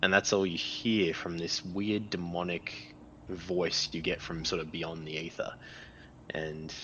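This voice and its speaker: Male game master, bright forceful low voice, improvised, halting scene narration. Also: flat delivery, dull audio, slight background noise. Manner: halting, repeats phrases while describing scenes.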